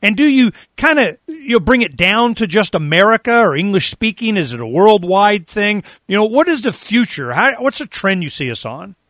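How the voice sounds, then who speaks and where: A man hosting an interview in a casual, opinionated way, animated and given to acting things out. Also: high voice, moderate pace, few pauses, no echo, studio quality. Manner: animated, acts out imagined quotes. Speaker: interview host.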